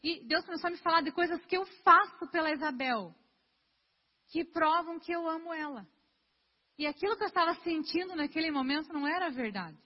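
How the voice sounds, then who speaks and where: With an extremely high voice and a slightly fast pace, a young preacher talks directly to her congregation, her sermon earnest yet conversational. It was recorded in a church hall, sounding dull and lo-fi with a long echo.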